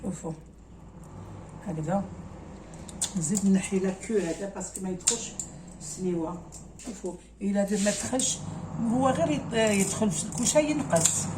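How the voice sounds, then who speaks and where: A woman's voice: mid-range voice, normal speed, long pauses, background noise. A woman with an Algerian accent, casually talking viewers through a cooking recipe step by step and slipping French words into her speech. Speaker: cooking channel host.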